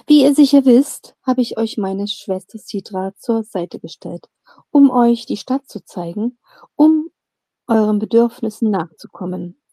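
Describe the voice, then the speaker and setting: Calm woman reading a fantasy audiobook. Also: a little high, no room sound. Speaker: narrator.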